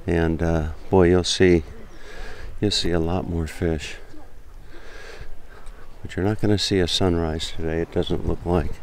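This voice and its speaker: Low-voiced American man narrating a pier walk. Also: level tone, a little slow, darkish tone. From Florida, United States. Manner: chatty, repeats phrases while looking around. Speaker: vlogger. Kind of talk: walking vlog narration. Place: outdoors on a long seaside pier.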